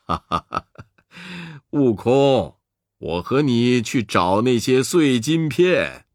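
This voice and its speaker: A jolly, chuckling old buddha, calm and a little sly, as a male storyteller puts him on. The voice is dropped well below the narrator's own into a deep, hearty rumble. He speaks slowly and close to a dry mic. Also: no room sound. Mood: jovial.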